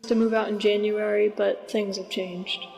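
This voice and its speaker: A woman's voice: medium pitch, flat delivery, moderate pace, vocal fry, a little mellow. A woman giving a personal vlog update, played back with an added cave-like echo on her voice. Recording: long cave-like reverb added in editing.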